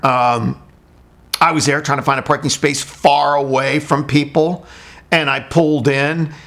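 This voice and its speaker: Lively, animated male storyteller. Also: on the high side. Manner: animated, self-mocking storyteller, acts out voices. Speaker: artist telling stories. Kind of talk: storytelling vlog.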